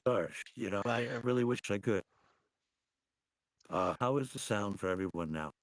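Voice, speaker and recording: A man talking on a livestream through a voice changer, halting and full of fillers and restarts. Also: on the low side, expressive, dry recording. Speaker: livestream host. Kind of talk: casual livestream commentary. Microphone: computer mic on a livestream.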